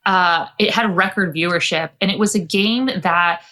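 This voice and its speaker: A woman co-hosting a casual show, playful and quick to laugh, giving sports recaps. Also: on the low side, sharp tone. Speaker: podcast co-host. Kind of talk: casual chat.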